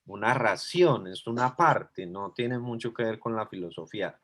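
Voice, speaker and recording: A man's voice: lowish voice, moderate pace, a bit bright. A man teaching an online class, explaining patiently and thinking aloud as he goes.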